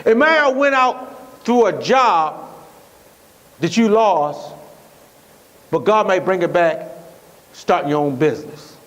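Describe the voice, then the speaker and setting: A man's voice: sits high, expressive, slow, pauses often, fairly bright tone. A male pastor preaching a sermon in a conversational, repetitive way, often restarting his sentences.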